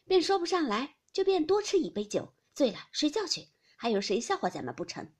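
A woman's voice: high-pitched, big pitch swings, fairly quick, voice pushed up. A woman voicing a cheerful, reassuring middle-aged noble mistress, speaking in an eager way. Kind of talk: audiobook character reading.

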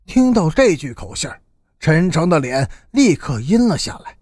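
Husky male audiobook narrator, lively swoopy delivery, dry close mic. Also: on the high side, moderate pace, no room sound. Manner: expressive, lively storyteller. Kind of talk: storytelling narration.

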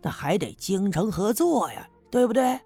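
Man voicing a scheming village man, coaxing, wheedling, husky, lively pitch. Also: normal speed, dry recording, soft background music, heavily acted. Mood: persuasive. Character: sly scheming middle-aged village man.

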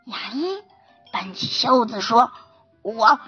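A woman teacher reading a picture book to young children, slow and animated with many interjections. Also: sits high, highs cut off, soft background music.

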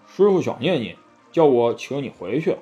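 A man's voice: medium pitch, big pitch swings, moderate pace, mellow, lo-fi sound, faint music behind, natural voice. A male storyteller voicing a greedy, bumbling pig-monk who grumbles and pleads. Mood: pleading.

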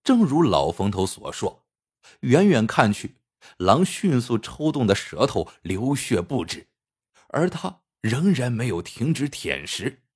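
A man narrating a story in a scripted, measured way. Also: mid-range voice, big pitch swings, darkish tone, husky. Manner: unhurried, measured.

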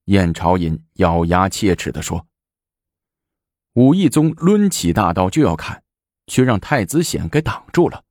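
A man narrating a historical story with animated, dramatic delivery. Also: deep voice, unhurried, dry recording, clean studio sound.

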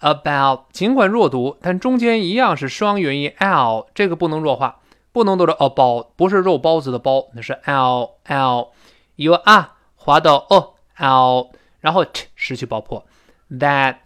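Lively, clear-voiced male teacher. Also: on the high side, brisk. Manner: lively explanatory teacher who demonstrates the sounds he describes. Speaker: English pronunciation teacher. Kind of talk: recorded audio lesson explaining English intonation.

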